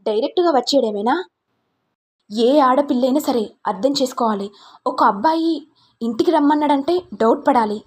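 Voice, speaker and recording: A woman's voice: high voice, voice pushed up. A woman voicing a smug young male blackmailer, speaking in a taunting, mocking tone while retelling a serial. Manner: taunting, drawn-out mock politeness. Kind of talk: storytelling recap of a serial.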